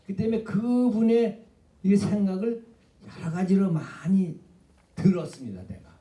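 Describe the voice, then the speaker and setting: A man's voice: sits high, expressive, unhurried, dark tone. An older man, a professor giving a public literature lecture, speaking emphatically and addressing the audience directly. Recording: echoey hall, voice from a distance.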